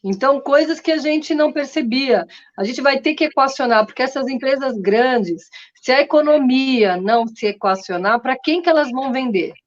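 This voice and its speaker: A woman's voice: high-pitched, animated, normal speed. Earnest woman, slightly muffled. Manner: earnest, talks in long run-on thoughts. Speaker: podcast host. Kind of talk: conversational discussion. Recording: dull lo-fi sound.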